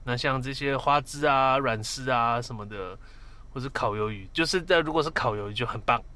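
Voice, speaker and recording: A man with a Taiwanese Mandarin accent co-hosts a casual conversation. His voice sits at an ordinary male pitch and he talks in a laid-back, slightly hesitant way. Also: a little fast, bright, forceful tone. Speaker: podcast co-host. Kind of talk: casual chat.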